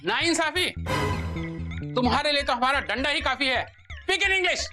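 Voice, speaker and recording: A pompous high-voiced English tutor. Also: male voice, animated, measured pace. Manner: broken English, repeats a catchphrase. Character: pompous male English tutor, strict and self-important. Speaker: English teacher. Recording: sitcom audio with loud background music.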